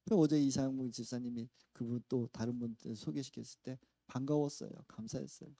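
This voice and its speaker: A male pastor giving a conversational sermon, telling a story with swings from hushed to loud and frequent laughter. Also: medium pitch, steady tone, brisk, vocal fry, dry recording. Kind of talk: conversational sermon with acted-out quotes. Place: church sanctuary.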